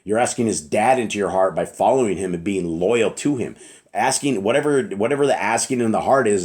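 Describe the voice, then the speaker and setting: A man with a raspy voice teaching scripture in a casual, rambling, earnest way, often checking in with "right?". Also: fairly low pitch, a little mellow.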